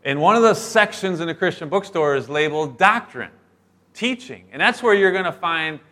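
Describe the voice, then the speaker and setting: A middle-aged man preaching a sermon, telling stories in a lively way and acting out the voices of the people in them. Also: fairly high pitch, normal speed. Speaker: pastor.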